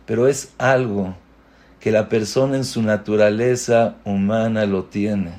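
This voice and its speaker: A man giving a spoken Torah lesson in an earnest way. He asks rhetorical questions, repeats words for emphasis and climbs to emphatic high peaks on key points. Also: fairly even intonation, measured pace, darkish tone.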